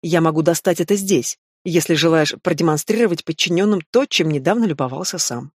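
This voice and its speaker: A woman's voice: low-pitched, fairly quick, breathy edge, dry recording, studio quality. The audiobook reader voicing a sly, playful young female thief who teases, argues and pleads. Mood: teasing. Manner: teasing and coy, then pleading.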